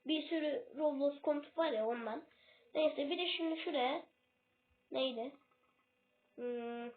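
She speaks in a high, unhurried voice as a self-taught tutor running an informal English video lesson, faltering and losing her place before correcting herself. It sounds as though it was recorded on a phone, thin and tinny.

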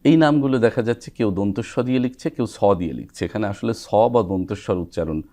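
A man, a recitation trainer explaining pronunciation rules, pausing to sound out example words. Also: on the low side, expressive, dark tone. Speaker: recitation trainer, guest expert. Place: television studio.

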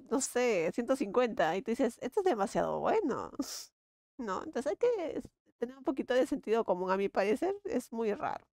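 A woman with a Peruvian accent chatting casually while she draws, lively and slangy, laughing often. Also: a little high, no echo, studio quality. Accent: Peruvian Spanish. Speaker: illustrator vlogger. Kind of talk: casual chat while drawing.

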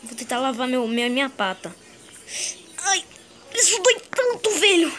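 Woman as a young male dinosaur in a game, high voice, slangy self-talk, faint noise. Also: sing-song, moderate pace, a bit bright. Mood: hurting. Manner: chatty, slangy, talks to itself. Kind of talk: in-character game role-play.

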